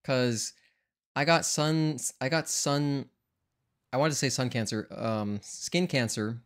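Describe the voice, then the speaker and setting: Speaking slowly in a mid-range voice, this young man talks casually to viewers while streaming a game speedrun. His live commentary rambles, he frequently corrects himself partway through sentences, and faint game music plays behind him.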